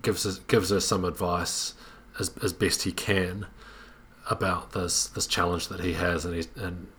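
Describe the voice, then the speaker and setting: A podcast co-host talks casually about a film, thoughtfully breaking down a scene and restarting often as he builds his point. His low-pitched voice is flat in delivery, a little slow, and fairly bright in tone.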